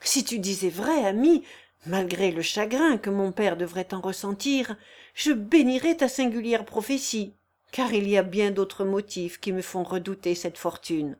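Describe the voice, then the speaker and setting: An earnest young man, heartfelt and a little halting, read by a woman. The voice stays in the reader's own middle pitch with only a slight shading for the character. It is a plain storybook reading. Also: darkish tone, natural voice.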